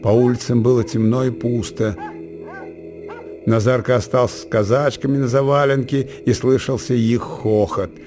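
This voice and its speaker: A man narrating classic prose in a measured storytelling manner. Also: mid-range voice, steady tone, over music. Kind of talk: audiobook reading of classic prose.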